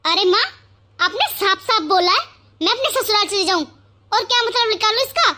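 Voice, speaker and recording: A woman voicing a quick-tempered young married daughter in a cartoon who argues back at her mother. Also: very high-pitched, bright, forceful tone. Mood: defiant. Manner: defiant, argumentative.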